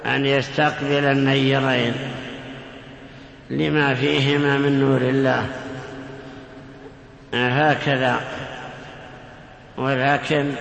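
Gravelly man teaching in an echoey hall. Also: mid-range voice, a bit bright. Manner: slow, measured, with drawn-out chanted words. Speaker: religious teacher. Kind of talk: religious lesson. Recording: echoey hall with long reverb, faint ambience.

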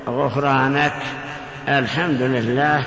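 A man giving a religious lesson, slow and measured, drawing words out in a half-chanted way. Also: medium pitch, steady tone, a bit bright, muffled recording. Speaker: religious teacher. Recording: echoey hall with long reverb, faint ambience.

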